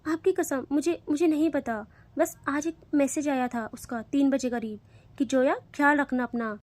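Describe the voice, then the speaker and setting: Brief: woman voicing a shy, scared young girl, high and pleading, stammers. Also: darkish tone, dry recording. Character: sleepy, timid young woman, easily scared.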